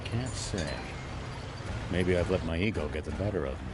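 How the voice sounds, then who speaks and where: An actor playing a weary older war hero who speaks calmly and plainly. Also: male voice, sits low, normal speed, very noisy, close to an everyday voice. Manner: calm, understated.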